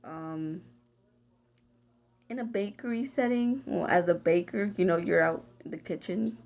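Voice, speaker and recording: A woman's voice: on the low side, measured pace, creaky, darkish tone. A young woman from Texas giving a casual, rambling spoken answer for a class, often hunting for words and trailing off. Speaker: student. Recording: dull lo-fi home recording.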